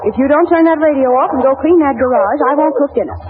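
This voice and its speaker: A woman's voice: sits high, fast, natural voice. A woman playing an insistent, anxious housewife and mother in 1940s radio drama style. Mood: nagging. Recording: muffled, hissy 1940s radio recording.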